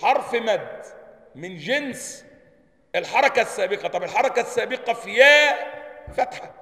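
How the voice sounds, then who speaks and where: A man's voice: sits high, expressive, normal speed, sharp tone. A man with an Egyptian Arabic accent, a sheikh teaching Quran sciences, quizzing his listeners with repeated questions and sounding out pronunciations. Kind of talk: religious lesson explaining a text. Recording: long hall reverb, roomy.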